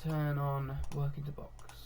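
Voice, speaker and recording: A young man commentating live on his own football management game, getting excitable when goals come and laughing at himself. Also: fairly high pitch, a little slow, a little hiss or hum. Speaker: gaming video host.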